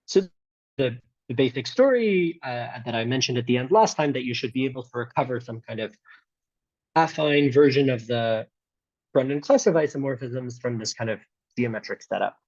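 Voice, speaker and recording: An American man gives a mathematics seminar talk in a gravelly, slightly husky voice. He hedges and restarts often, working through ideas aloud. The recording sounds dull and lo-fi. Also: medium pitch, animated, normal speed, a little mellow. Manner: hesitant, many fillers and restarts. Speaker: seminar speaker. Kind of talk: academic math lecture.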